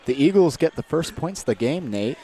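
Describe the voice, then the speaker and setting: A man's voice: fairly high pitch, lively intonation, a little fast, mellow. A man giving casual color commentary and banter on a local sports broadcast. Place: courtside in a school gym.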